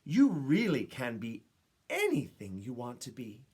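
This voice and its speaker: Reading a picture book aloud to young children, a woman lets her pitch swoop wildly, her slightly mellow voice carrying a husky, breathy edge. She stresses key words and leaves dramatic pauses.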